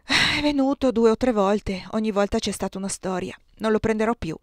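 A woman's voice: on the high side, a little fast, no room sound, clean studio sound, natural voice. A woman reading aloud, voicing a plain-spoken café owner who speaks matter-of-factly.

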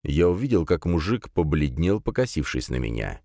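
A man reading a first-person fantasy audiobook with an expressive, dramatic delivery. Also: extremely low pitch, normal speed, dry recording, clean studio sound. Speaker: audiobook narrator.

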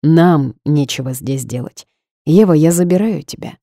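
A woman voicing a smug, seductive male boss who speaks calmly and commands. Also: deep voice, normal speed, vocal fry, dry recording, clean studio sound.

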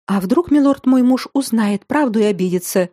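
A woman voicing an anxious, eager young noble lady who pleads in hurried tones. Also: fairly high pitch, expressive, mellow, no echo, clean studio sound, voice pushed up.

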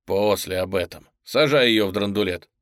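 A man's voice: lowish voice, normal speed, a bit bright, dry recording, studio quality, pitched below the performer's own voice, lightly acted. A man voicing a curt army lieutenant who barks orders. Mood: barking. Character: gruff barking army lieutenant, a young man.

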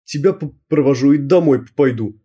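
A man's voice: medium pitch, fairly quick, warm tone, breathy edge, lightly acted. A man voicing a nervous schoolboy who stutters on his first sounds, in an audiobook. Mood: sulky.

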